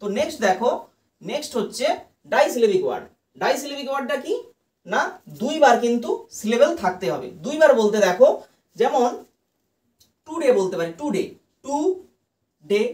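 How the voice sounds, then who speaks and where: A woman's voice: fairly high pitch, animated, a little fast, pauses often, darkish tone. A woman teaching an English lesson, patiently spelling words out letter by letter and answering her own questions. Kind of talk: explaining a lesson to students. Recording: echoey room from far off.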